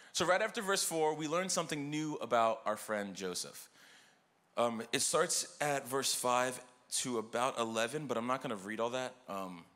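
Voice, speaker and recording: A young man preaching from a church stage with a bright, forward voice. He talks to the congregation in a loose, energetic way, with fillers and call-and-response. The pitch sits in a middling male range. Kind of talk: sermon. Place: church auditorium.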